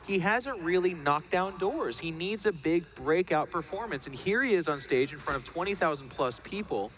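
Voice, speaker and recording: A man's voice: a little high, expressive, normal speed, fairly bright tone. A man giving live analysis of a video game match, easygoing and joking as he explains the players' choices. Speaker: esports caster.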